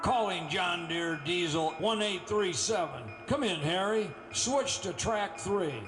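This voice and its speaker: A high, bright call-out from a jolly railway dispatcher, barking orders over a crackly walkie-talkie. The sound is roomy and echoing, with music playing clearly underneath. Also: male voice, lively intonation, takes it slowly. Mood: radio dispatch. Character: cheerful male railway dispatcher in control tower. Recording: roomy echo with music behind.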